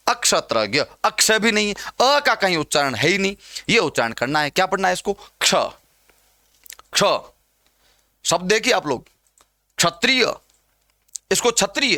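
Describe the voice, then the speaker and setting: A man's voice: sits high, bright, forceful tone, no room sound, clean studio sound. A man teaching a Hindi lesson, drilling sounds by repeating example words and asking his learners questions. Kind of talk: spoken grammar lesson.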